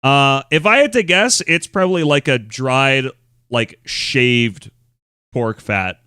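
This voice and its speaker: A man's voice: medium pitch, slow, pushed and bright, clear, resonant tone, no room sound, studio quality. A young American man commenting casually on a live stream, rambling with lots of fillers, wry and blunt.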